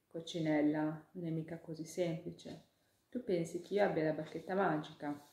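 A woman voicing a wise, solitary adult male falcon who brews potions, speaking calmly and slowly. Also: sits low, close to an everyday voice. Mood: exasperated. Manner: calm, slow and measured. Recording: echoey room.

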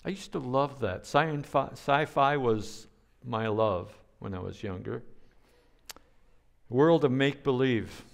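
An older pastor delivers a sermon slowly and deliberately, tossing in playful sound effects now and then. His voice is mid-range and gravelly.

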